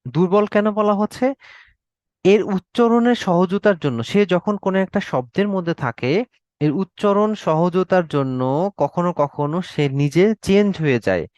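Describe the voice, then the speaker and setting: A man's voice: high-pitched, animated, measured pace, darkish tone, no echo, lo-fi sound. A Bangladeshi man teaching an online Arabic class, explaining patiently and often checking with his students. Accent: Bangladeshi Bengali. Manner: explains patiently, repeats words and checks in with "okay?".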